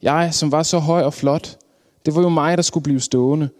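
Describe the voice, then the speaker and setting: A man's voice: on the high side, fairly even intonation, darkish tone, close to an everyday voice. A man voicing a proud tall tree that sobs with wounded pride in a storybook. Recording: long hall reverb.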